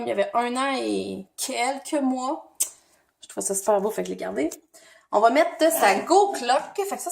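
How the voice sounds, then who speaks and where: A woman's voice: on the high side, creaky, a little hiss or hum. A young woman with a Québécois French accent, a mother chatting casually to her vlog audience at home, rambling with lots of fillers and self-corrections. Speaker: mother and family vlogger. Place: family home indoors.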